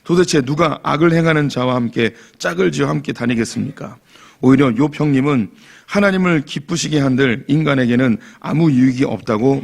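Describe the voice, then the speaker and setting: A male pastor preaches an expository sermon in a church. His voice is gravelly and husky, and he talks in a conversational way, often putting questions to the congregation. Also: medium pitch.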